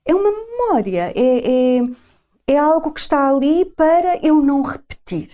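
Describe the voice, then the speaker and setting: Higher-pitched, mellow Portuguese woman explaining reflectively. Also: animated, moderate pace. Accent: European Portuguese. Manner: emphatic, repeats phrases for weight. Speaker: interview guest.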